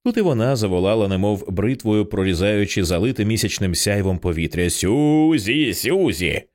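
A man narrating an audiobook in an expressive, tense storytelling style. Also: lowish voice, fairly quick.

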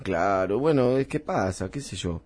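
A man's voice: on the low side, expressive, normal speed, darkish tone. A man with an Argentine accent, a comedian guest chatting in a radio interview, rambling and self-deprecating as he laughs at his own jokes. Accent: Argentine Spanish. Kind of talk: casual interview banter with comic bits. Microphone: radio studio microphone.

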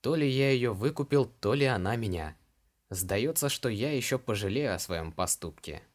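A man's voice: mid-range voice, expressive, moderate pace, close to an everyday voice. A man voicing an earnest, somewhat flustered young male hero in his own plain voice in an audiobook.

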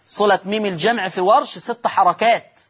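High-voiced, fairly quick and slightly rough, this Egyptian-accented man explains Quran recitation rules on television. He goes step by step, raising questions and supplying the answers himself, all in Egyptian Arabic.

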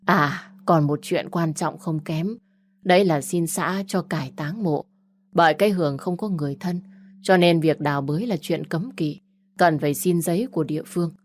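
A woman voicing an older village man who calmly gives practical advice. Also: deep voice. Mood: advising. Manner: measured, advising tone.

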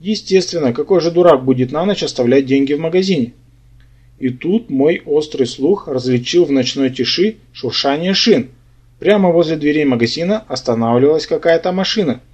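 Wry male audiobook narrator, mellow tone. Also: fairly high pitch, animated, moderate pace, slightly rough. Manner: wry, sardonic storytelling. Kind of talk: first-person humorous fantasy narration. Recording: dull lo-fi audiobook recording.

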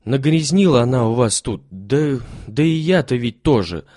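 A man's voice: mid-range voice, expressive, normal speed, warm tone, no echo, studio quality, lightly acted. A man voicing a timid, humble old soldier who talks meekly and gratefully in a storybook reading. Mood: reminiscing. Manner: meek, pious, grateful.

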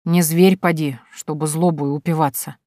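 A woman voicing a cranky old uncle who groans and complains in loud, folksy outbursts. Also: deep voice, steady tone, moderate pace, no room sound, clean studio sound, close to an everyday voice. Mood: grumbling.

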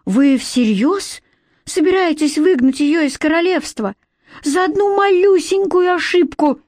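A woman's voice: extremely high pitch, unhurried, a little mellow, dry recording, studio quality, pitched above the performer's own voice. A woman voicing a bold, outspoken twelve-year-old boy. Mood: indignant. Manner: brash, indignant.

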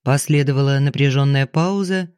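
A man narrating a thriller audiobook in a measured, dramatic reading style. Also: mid-range voice, a little mellow, clean tone, no room sound, clean studio sound.

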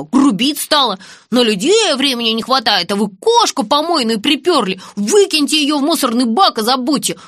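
A woman's voice: high voice, a bit bright, no room sound, studio quality, pitched above the performer's own voice. A woman reading an audiobook, voicing a blunt, chatty schoolboy. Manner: gabbling, blunt.

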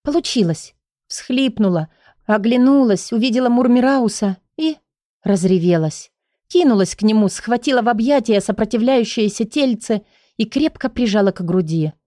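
A woman narrating a first-person fantasy audiobook in an expressive, emotional way. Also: a little high, moderate pace, no room sound, studio quality.

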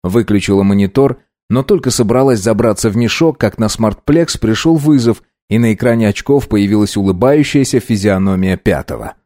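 A man narrating an audiobook in a steady, even reading. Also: fairly low pitch, normal speed, hardly any pauses, no echo, studio quality.

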